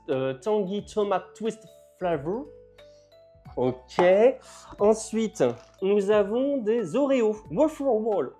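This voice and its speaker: An older man talks his way through an unboxing, chatty and quick to laugh. His voice is mellow and warm. He trips over English words as he reads them out. Soft music plays underneath. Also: fairly high pitch. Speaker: vlogger. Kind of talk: casual unboxing vlog.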